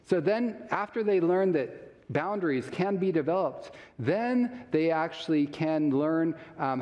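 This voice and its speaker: A man's voice: on the high side, darkish tone. A man giving a live health seminar talk, chatty and questioning the audience, chuckling often. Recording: long reverb of a large hall.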